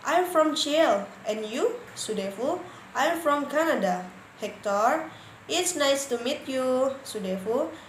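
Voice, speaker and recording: A woman with an Indonesian accent presenting an English lesson, reading example dialogues aloud slowly and carefully. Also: on the high side. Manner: slow, careful reading with stressed words. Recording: echoey room, faint background noise.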